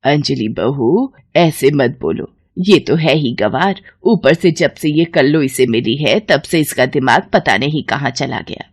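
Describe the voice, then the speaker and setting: A woman voicing a harsh older mother-in-law in an animated story, scolding in slow, drawn-out words. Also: deep voice, breathy edge, heavily acted. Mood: coaxing.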